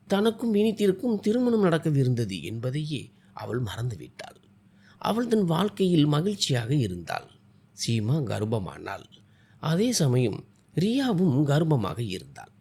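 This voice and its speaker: Husky man reading a family story. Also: medium pitch. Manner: expressive dramatic reading. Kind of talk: scripted story narration.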